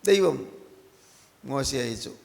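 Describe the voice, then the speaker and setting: A man's voice: medium pitch, expressive, takes it slowly, gravelly. A man preaching a sermon, repeating his phrases and asking the listeners question after question. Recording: echoey hall with long reverb.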